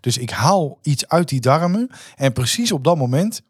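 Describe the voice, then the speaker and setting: A man's voice: on the high side, big pitch swings, moderate pace, husky, no echo, clean studio sound. A man hosting a podcast in casual chat, enthusiastic but often restarting his sentences. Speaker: podcast host.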